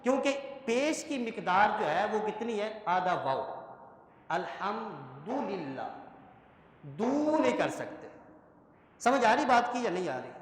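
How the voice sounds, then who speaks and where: A man teaching Quran pronunciation in a lesson, his voice carrying through a big hall with a long, ringing echo. He drags out each syllable slowly and checks often that the class has understood. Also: extremely high pitch. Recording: echoey hall.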